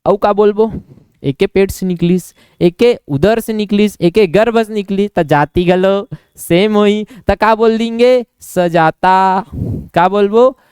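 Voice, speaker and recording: A man's voice: sits high, slow pace, a little mellow, clear, resonant tone, dry recording, clean studio sound. A young man with a Chhattisgarhi accent teaching an exam-prep Hindi lesson, playfully acting out little scenes and quizzing himself.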